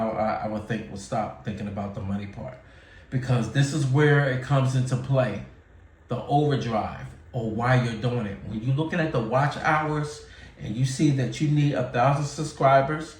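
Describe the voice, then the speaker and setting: A man's voice: mid-range voice, recorded from a distance. A man in his forties giving candid, casual advice to camera, repeating himself and using fillers. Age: 40s. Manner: candid, repetitive, conversational with fillers. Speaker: YouTuber. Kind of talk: casual talking-head advice. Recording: roomy sound, mic set back.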